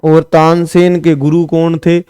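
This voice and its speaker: A man's voice: on the high side, flat delivery, takes it slowly, warm tone, clear, resonant tone, no echo, studio quality. A man teaching an exam-prep lesson, firing off quiz questions and answering them himself, repeating each answer with a tag question. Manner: casual, scolds sloppy notes.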